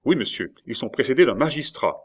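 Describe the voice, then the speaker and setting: A man's voice: medium pitch, animated, fairly quick, slightly rough, pitched above the performer's own voice. Man doing a frantic, panicked manservant. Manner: frantic, urgent warnings. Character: panicked male household servant.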